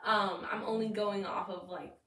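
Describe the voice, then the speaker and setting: A woman's voice: medium pitch, steady tone, normal speed, a bit bright, a little hiss or hum. A woman in her thirties co-hosting a podcast in casual chat, filling her talk with "like" and laughing often. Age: 30s. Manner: chatty, heavy use of "like", frequent laughs. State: hiccups. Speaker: podcast co-host. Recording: roomy sound, distant mic.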